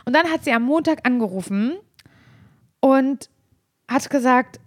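A woman co-hosting a podcast in casual chat, telling an animated story and acting out the voices of the people in it. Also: high voice, measured pace, no echo, clean studio sound. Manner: animated storyteller who acts out quoted voices. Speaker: podcast co-host. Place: Berlin.

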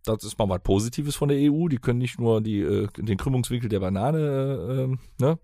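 A man's voice: medium pitch, brisk, dark tone, no room sound, clean studio sound. A man co-hosting a podcast, chatting casually and rambling through jokes. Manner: jokey, rambling, puts on silly voices. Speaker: podcast co-host. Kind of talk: casual banter.

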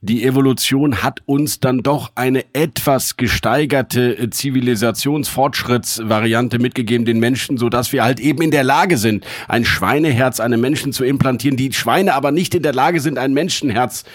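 A man's voice: mid-range voice, normal speed, hardly any pauses. Opinionated rambling man, mid voice. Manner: opinionated, rambling with many fillers and restarts. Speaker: podcast co-host. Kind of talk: casual chat.

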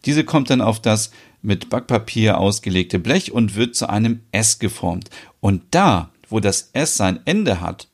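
Man, narrator, scripted soap opera narration, calm, even, low voice, very slow.

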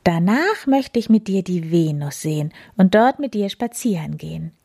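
Lady doing a happy little raccoon kid, bright-ish and bouncy, breathy. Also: on the low side, lively intonation, moderate pace, exaggerated voice. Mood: cheerful. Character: small curious young male raccoon, cheerful.

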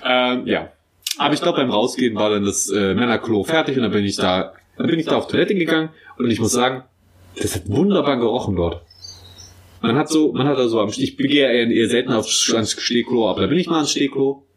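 A man's voice: animated, fairly quick. A man in his twenties co-hosting a casual podcast, telling a rambling story and acting out the people in it. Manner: rambling storyteller, acts out quotes in a higher voice; frequent restarts and self-corrections. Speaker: podcast co-host. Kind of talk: casual chat.

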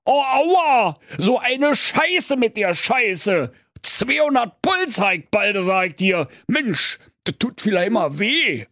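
A man voicing a rich, stingy, boastful man who talks loudly and rudely in a Berlin accent. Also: high-pitched, very animated, slow, few pauses, no room sound, clean studio sound, pitched above the performer's own voice, exaggerated voice. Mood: wailing. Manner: loud, rude, blustering.

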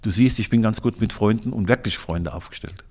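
A man's voice: lowish voice, a little fast, a little mellow. A man in his sixties, a guest in a casual interview, talking in a blunt, colloquial and emphatic way with some crude slang. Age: 60s.

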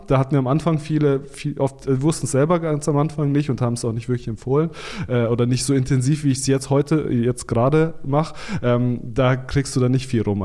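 A man's voice: medium pitch, mellow. A man as a podcast guest, giving blunt, informal advice on selling online, with frequent fillers and restarts. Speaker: podcast guest, Amazon seller consultant. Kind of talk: casual expert interview talk.

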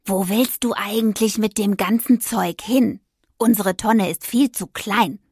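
A woman's voice: mid-range voice, a little slow, a little mellow, breathy edge, no room sound, clean studio sound. A woman voicing a cheeky, sceptical talking tomcat in an audio story, grumbling in a half-whisper.

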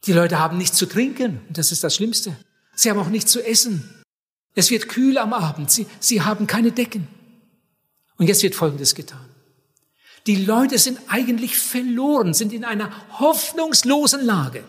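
A man preaching a sermon in an earnest, emphatic way, addressing his listeners warmly as dear ones. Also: sits high, animated, normal speed, husky. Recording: long hall reverb.

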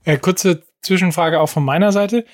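A man's voice: high voice, moderate pace. A man co-hosting a football podcast who speaks hesitantly, with many fillers and a dry sense of humor. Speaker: podcast co-host. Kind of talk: casual football chat.

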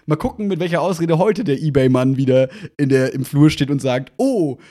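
A man hosting a podcast in casual chat, telling a story with lively acted-out dialogue. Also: on the high side, fairly quick. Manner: animated anecdote telling, acting out quoted dialogue. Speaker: podcast host.

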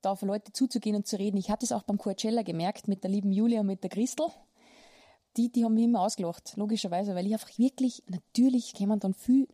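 Austrian woman, young adult, quick rambling speech, mellow dark tone, dry close sound. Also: medium pitch, steady tone, no room sound. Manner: blunt, rambling, swears freely. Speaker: podcast host. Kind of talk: casual chat.

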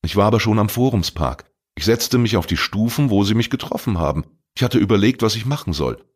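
A man's voice: on the low side, animated, fairly quick, slightly rough, voice pushed up. A man reading a crime story voices a teenage boy who pleads and eagerly justifies himself. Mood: defensive. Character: teenage boy, defensive and talkative.

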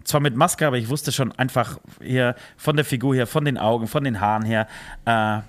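A man's voice: mid-range voice, normal speed. A man chatting casually in German, telling stories with many fillers, restarts and teasing asides. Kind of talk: casual chat.

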